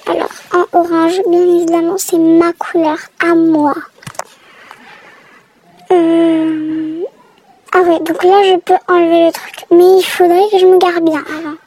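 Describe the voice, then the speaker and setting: A woman talks through her gameplay in a chatty, exasperated running commentary. Her voice is very high yet mellow in tone. It has a gravelly vocal fry all through. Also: slight background noise, low-quality recording. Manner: chatty, reacting aloud, exasperated. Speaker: gamer narrating her play. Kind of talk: casual game commentary.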